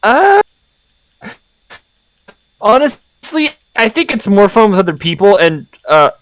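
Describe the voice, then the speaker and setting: A man's voice: high voice, big pitch swings, slow. A young man chatting casually on a podcast, swearing often and rambling with fillers. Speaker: podcast co-host. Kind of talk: casual chat.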